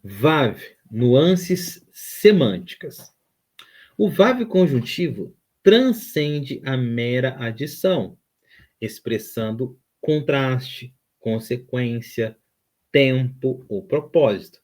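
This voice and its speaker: A man at a medium pitch, speaking very slowly. He explains step by step like a patient teacher, repeating each term and checking in with his listeners. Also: lively intonation, a little mellow. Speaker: Hebrew teacher. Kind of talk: online grammar lesson.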